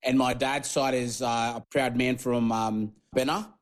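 A man born in Papua New Guinea, whose first language is Tok Pisin, appears as a guest on a casual podcast interview; he's a former rugby league player. His mid-range voice has fairly even intonation and a slightly slow pace. He rambles, with many fillers and restarts.

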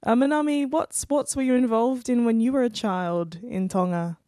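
A woman's voice: a little high, moderate pace, dark tone, no echo, studio quality. A woman hosting an interview, reading a scripted introduction and then asking encouraging questions. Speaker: interviewer, host.

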